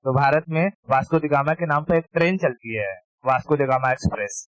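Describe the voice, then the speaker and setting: A man's voice: mid-range voice, brisk, low-quality recording. A man teaching history in a casual exam-prep lecture, informal, repeating key terms and checking that students follow.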